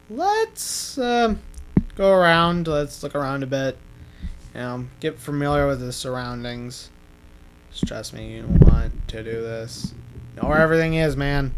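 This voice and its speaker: Animated rambling let's-play guy. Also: fairly high pitch, smooth. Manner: rambling, self-correcting, laughs at own slips. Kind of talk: casual gameplay commentary.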